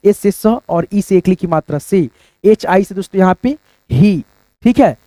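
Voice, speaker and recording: A man's voice: high-pitched, expressive, moderate pace, mellow, dry recording. A man teaching a casual lesson, explaining letter by letter and often addressing listeners as friends.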